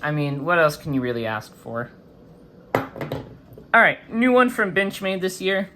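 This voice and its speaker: Hosting an informal, talkative product review for his knife channel, this man sounds very animated yet unhurried, with a slightly high voice. His speech is a little hampered because his face is swollen after wisdom teeth removal. Background noise is present.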